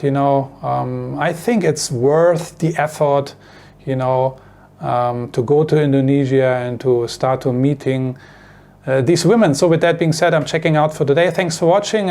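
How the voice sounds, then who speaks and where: A man from Germany, German-speaking from birth and heavily accented, talks offhandedly to camera as a vlogger with a voice on the high side and a darkish tone. His talk meanders and repeats, thick with fillers and tags such as "you know" and "right?"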